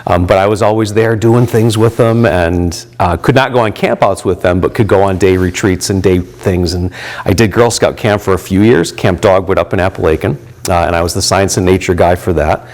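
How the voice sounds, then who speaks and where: A man's voice: low voice, normal speed, a little mellow. A man in his fifties, a volunteer pastor, talking reflectively in an interview with many fillers and restarts. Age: 50s.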